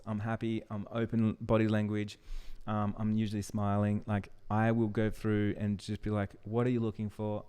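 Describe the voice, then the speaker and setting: Man, thirties, low mellow voice, loose chatty coaching talk, long room reverb. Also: clean tone. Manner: loose and chatty, many fillers, acts out client dialogue. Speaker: business coach and podcast host.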